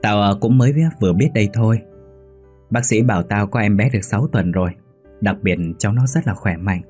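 A man's voice: on the low side, fairly quick, darkish tone, soft background music, lightly acted. A man voicing a young, hot-tempered businesswoman who is a new mother, with a raised, tearful voice. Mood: teasing. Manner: tearful, sobbing pleas.

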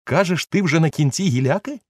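A man doing a feverish, commanding gentleman. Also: on the high side, animated, a little fast, breathy edge, no room sound, clean studio sound, voice pushed up. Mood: urgent. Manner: urgent, commanding. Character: excitable eccentric gentleman obsessed with treasure.

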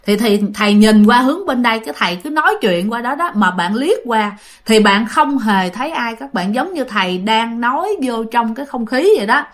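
A woman's voice: fairly high pitch, animated, brisk, hardly any pauses. A woman telling a ghost story in a chatty, informal way, speaking straight to her listeners.

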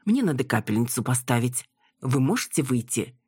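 A woman reader playing a brutal, shifty man posing as a doctor, gruff and snapping. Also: a bass voice, big pitch swings, darkish tone, no room sound, studio quality, heavily acted. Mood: curt. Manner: gruff and snapping, then a slow menacing tirade.

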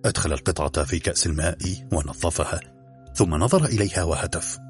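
Deep expressive male storyteller. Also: fast, faint music behind. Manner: expressive, varied delivery. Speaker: audiobook narrator. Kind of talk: scripted story narration.

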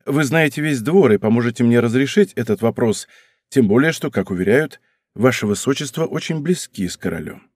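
A man voicing a young nobleman in love who speaks softly, respectfully and with restraint. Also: animated, brisk, dry recording, studio quality, close to an everyday voice. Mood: restrained earnest. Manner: low, soft, restrained and deferential. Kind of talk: audiobook character reading.

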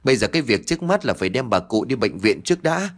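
A man voicing a calm, sensible village woman who soothes and speaks firmly in a storybook reading. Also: mid-range voice, fast. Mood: soothing. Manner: soothing, firm.

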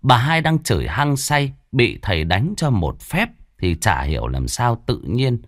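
A man's voice: mid-range voice, measured pace, no room sound, clean studio sound. A man narrating a scripted horror story in a dramatic manner. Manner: dramatic, lively intonation.

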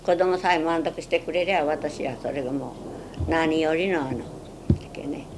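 An elderly Japanese woman speaks in a low voice with a western Japanese dialect. She reminisces plainly and haltingly, as an interviewee would, with a little noise on the recording. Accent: western Japanese, Chugoku dialect. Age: 70s or older. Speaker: oral history interviewee.

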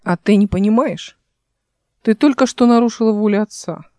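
A woman's voice: mid-range voice, moderate pace, warm tone, no room sound, clean studio sound, lightly acted. A woman voicing a cunning, sarcastic immortal man in a fantasy audiobook, in a sly tone.

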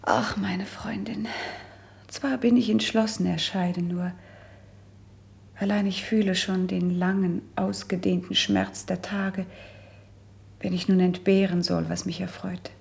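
Sorrowful longing colors this classical verse radio drama, where an actress gives full character voice to a young princess, sickly since youth, melancholy and resigned. The female voice is mid-range and level in tone, delivered in a breathy, husky, hushed, measured way.

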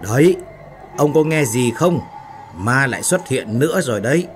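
A man voicing frightened, quarrelsome female factory workers in a spoken ghost story, shrill and scolding. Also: expressive, normal speed, noisy background, lightly acted.

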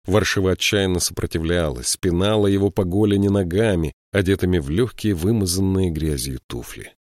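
A man reading a fantasy novel aloud as narrator, in a measured, even way. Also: low-pitched, no echo, studio quality. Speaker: audiobook narrator. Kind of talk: scripted narration.

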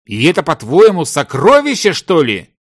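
A man voicing a grumpy desert merchant who loudly scolds his partner. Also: on the high side, huge pitch swings, moderate pace, voice pushed up. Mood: mocking. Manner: loud, shouting, mocking.

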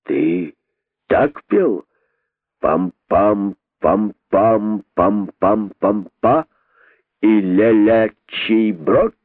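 A man's voice: fairly low pitch, very slow, dry recording. A grim, pompous rabbit king scolds and accuses with theatrical weight, voiced by a man reading a storybook. The sound is narrow and phone-like, with no room around it. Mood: stern.

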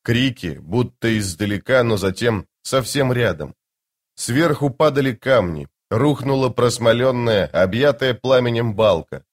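A man's voice: medium pitch, lively intonation. Man narrating a fantasy audiobook. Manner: dramatic, slowed for tension.

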